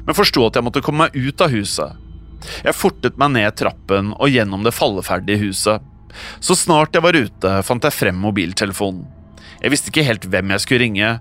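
A man narrating a scary story in the first person, in a measured, suspenseful scripted telling. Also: on the low side, a bit bright. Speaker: podcast narrator.

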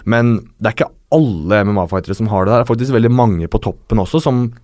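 A man talking as a guest in a casual podcast chat, explaining at length in a relaxed way with lots of fillers. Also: fairly low pitch, no room sound, studio quality. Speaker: guest, martial arts expert.

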